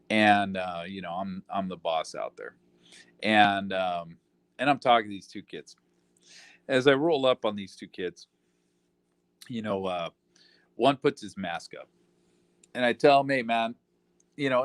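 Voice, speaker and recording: A man's voice: fairly low pitch, no echo. A man ranting in casual talk, profane and rambling, full of fillers like "you know".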